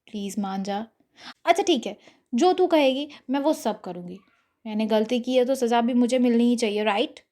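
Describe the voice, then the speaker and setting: A woman's voice: on the high side, normal speed, warm tone, lightly acted. A woman narrator voicing a proud, impulsive young woman heroine with a pleading, flustered way of talking. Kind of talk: audio story character voice.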